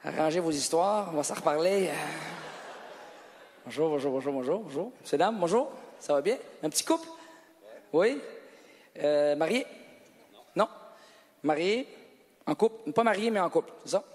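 A man's voice: fairly high pitch, expressive, normal speed, long pauses, a little mellow. A man doing stand-up, bantering playfully with couples in the audience. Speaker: stand-up comedian. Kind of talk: stand-up crowd work. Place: large theatre stage with live audience. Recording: live hall with audience, long reverb.

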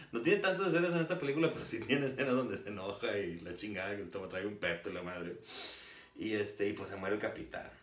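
A man with a Mexican accent casually retelling a movie's plot, full of slang, laughs and quick acted-out quotes. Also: fairly low pitch. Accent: Mexican Spanish. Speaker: movie reviewer. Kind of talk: casual spoken film recap. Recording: roomy echo, distant from mic.

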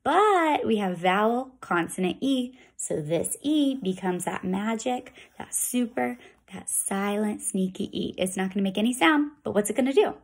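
A woman teaching a phonics lesson to kindergarten children, with slow, sing-song teacher talk and drawn-out sounds. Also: medium pitch, lively intonation.

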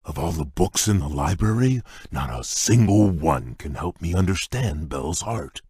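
An actor playing a shy, gentle male beast prince in a game, talking in a halting, bashful way with a husky, rumbling voice. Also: expressive, dry recording, clean studio sound, exaggerated voice. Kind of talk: game voice clips.

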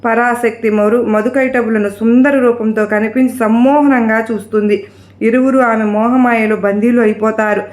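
Brief: female devotional storyteller, rather high voice, reads with restarts, roomy echo. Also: steady tone, moderate pace, darkish tone.

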